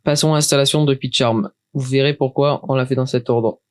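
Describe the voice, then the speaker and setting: A man walks through a software install at his desk in a loose, chatty way, stumbling over words and restarting his sentences. His pitch sits in the middle of the usual range. The sound is dry and close, with no room around it. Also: fairly even intonation, a little fast, no room sound. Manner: hesitant, many restarts and fillers, chatty. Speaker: tutorial maker. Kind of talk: casual screen-recorded software tutorial.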